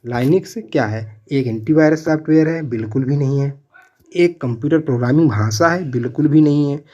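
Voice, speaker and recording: A man's voice: fairly high pitch, normal speed, a little mellow, lo-fi sound. A man teaching an exam-prep lesson in quiz style. He reads out each question and its options, then says the answer again and again and calls his listeners friends. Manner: asks each question, then repeats the answer several times; addresses viewers as friends.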